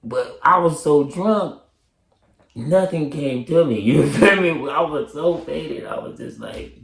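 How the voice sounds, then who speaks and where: Young man, raspy fry, laid-back slangy storyteller, roomy echo. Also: on the high side, takes it slowly. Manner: slangy, laughs often, voices his past self. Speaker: storyteller vlogger. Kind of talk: casual storytelling. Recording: echoey room.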